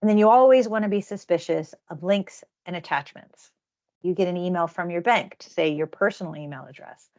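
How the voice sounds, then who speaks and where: Gravelly-voiced woman presenting a webinar. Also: on the low side, a little fast, darkish tone, highs cut off. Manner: conversational, repeats words and restarts phrases. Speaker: security awareness trainer.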